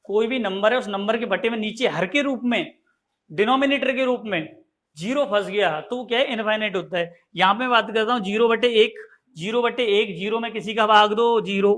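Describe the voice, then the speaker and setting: Man, high voice, teacher, repetitive drilling, classroom math lesson. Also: normal speed, a bit bright. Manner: repetitive, drilling, addresses students as bhaiya and sahab.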